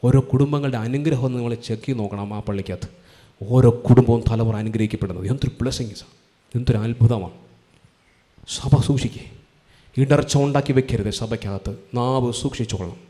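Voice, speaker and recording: Guy preaching fast in church, warm low-key tone, keeps pleading and warning. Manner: urgent pleading exhortation with repeated warnings. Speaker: pastor. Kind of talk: sermon.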